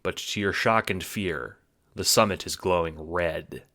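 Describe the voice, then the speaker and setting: Unhurried and sharp-toned, a low-pitched male narrator performs a scripted second-person story with dramatic storytelling. He is also the producer, and music plays underneath.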